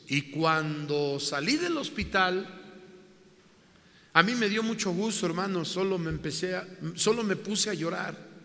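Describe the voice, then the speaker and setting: A man's voice: high-pitched, fairly bright tone, in a large hall. A man preaching an emotional sermon testimony, calling the congregation his brothers.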